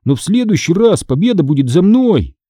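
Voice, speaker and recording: A man's voice: sits high, big pitch swings, a little fast, warm tone, husky, no echo, studio quality, voice pushed up, heavily acted. A man doing a timid, sulky little boy. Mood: cheeky.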